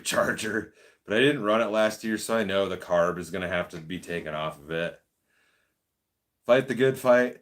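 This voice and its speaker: A man hosting a casual live stream, reading viewer comments and chatting in a laid-back way, laughing often. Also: on the low side. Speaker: livestream host.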